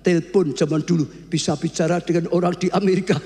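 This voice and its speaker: Brief: male pastor, high voice, fiery sermon that swings into shouting, long hall reverb. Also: steady tone, fast. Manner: repetitive, rising to shouts, addresses congregation as "saudara".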